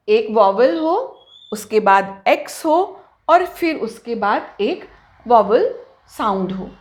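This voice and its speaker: A high-pitched woman teaches pronunciation in a slow, lively voice. She keeps asking the class questions and then answers them herself, and she draws out each example word as she spells it. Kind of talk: explanatory lesson to students.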